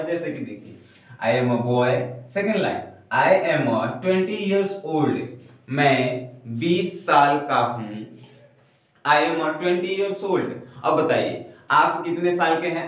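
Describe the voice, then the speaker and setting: A young man in his twenties teaching a basic spoken English lesson in a classroom at a whiteboard. He repeats each example sentence slowly and patiently. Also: on the high side, far from the mic. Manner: slow, repetitive teaching, saying each example twice. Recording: very echoey room, heard from afar.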